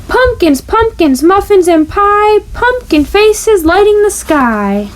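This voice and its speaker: A woman voicing an excitable young boy frog in a storybook, exclaiming and breaking into singsong chants. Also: very high-pitched, slow, slight background noise, pitched above the performer's own voice, exaggerated voice.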